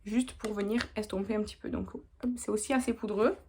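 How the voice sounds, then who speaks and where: Woman, young adult, casual makeup vlog, chatty, talks while working, mid pitch. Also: fairly even intonation, fairly quick, darkish tone, a little hiss or hum. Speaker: beauty vlogger.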